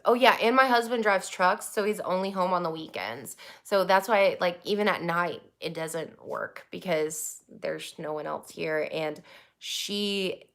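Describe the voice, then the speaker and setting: Young woman, lowish voice, loose rambling vlog chat with casual swearing. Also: fairly bright tone. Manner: rambling, swears freely, laughs often. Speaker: YouTuber.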